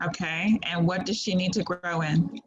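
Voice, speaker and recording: A woman's voice: lowish voice, steady tone, moderate pace, breathy edge. A woman teaching an online class on a video call, patiently encouraging students and sorting out audio trouble. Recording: slightly muffled call audio, faint noise.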